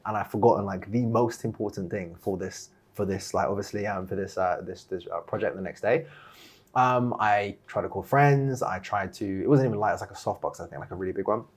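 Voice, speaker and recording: A young man telling stories in a casual interview, chatty and animated, with many fillers and laughs. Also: on the low side, brisk, slightly rough. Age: young adult. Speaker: guest, video production founder.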